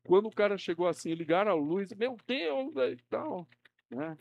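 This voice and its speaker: In a church classroom, a man with a high-sitting, darkish voice teaches Sunday school at normal speed; the recording has the highs cut off and a little hiss or hum. He's chatty and conversational, often tossing in tag questions like "né?" to check in with listeners, and he acts out the people in his stories in a raised voice.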